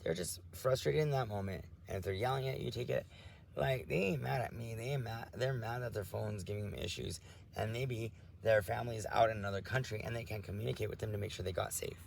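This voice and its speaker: A man talks through spiritual advice in a rambling, earnest way, with many fillers and restarts. His voice is heavily gravelly and full of fry, and a faint hum of room ambience sits behind him. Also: on the low side, fast talker. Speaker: spiritual channel host. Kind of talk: casual spiritual talk.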